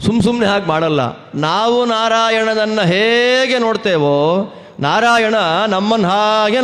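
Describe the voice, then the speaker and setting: A man's voice: high voice, a bit bright. A man from Karnataka giving a devotional discourse, telling scripture stories with rhetorical questions and chanted Sanskrit verses. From Karnataka, India. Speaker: religious discourse speaker. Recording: reverberant hall.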